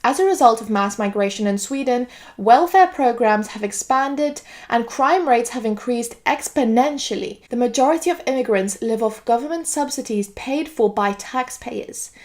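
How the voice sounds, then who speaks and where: A woman's voice: fairly high pitch, expressive, moderate pace, few pauses, darkish tone. A woman from Greece delivering an earnest, lecturing monologue. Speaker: political video commentator. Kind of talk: scripted monologue to camera.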